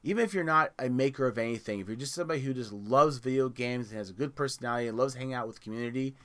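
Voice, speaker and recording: Bright-voiced male podcast host. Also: medium pitch, rapid-fire. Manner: rambling, restarts words, plugs the community. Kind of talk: casual podcast chat.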